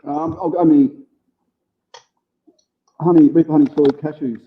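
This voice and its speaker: An Australian-accented man who owns a small food business speaks plainly and informally as a guest in a casual interview chat. His voice is on the high side, steady and unhurried, and the recording sounds thin and phone-like.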